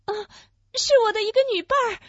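A woman voicing a loving, frightened young woman who has been poisoned, speaking in a halting, tearful way. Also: very high-pitched, a bit bright, dry recording. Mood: frail. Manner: breathless, halting, tearful delivery. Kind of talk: Chinese radio-play acting. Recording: dull lo-fi dry recording.

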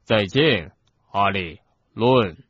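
A man voicing a huge, gruff male gamekeeper who sounds weary and hides his hurt behind forced cheer, with a husky voice. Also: lowish voice, animated, takes it slowly, fairly bright tone, exaggerated voice. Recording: dull lo-fi radio recording.

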